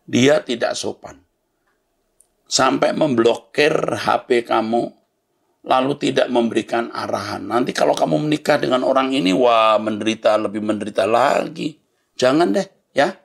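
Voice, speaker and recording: A man's voice: mid-range voice, vocal fry, husky. A man, a pastor, answering listeners' letters in a blunt, scolding yet fatherly way.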